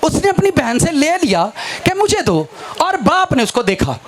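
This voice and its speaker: High-voiced, animated male preacher, storytelling sermon, swooping delivery. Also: moderate pace, a little hiss or hum. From Pakistan. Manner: animated, acts out scenes.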